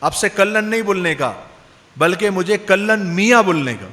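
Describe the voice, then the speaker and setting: A man's voice: high-pitched, lively intonation, sharp tone. A man voicing a pompous newly rich male shopkeeper who scolds people and demands to be addressed with respect. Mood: indignant. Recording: long hall reverb.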